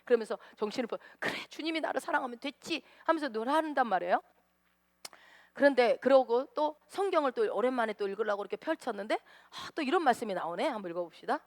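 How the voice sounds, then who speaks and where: A woman's voice: fairly high pitch, expressive, fast, no room sound. A woman pastor preaching a sermon in a church, acting out prayers and asking the congregation questions. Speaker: senior pastor.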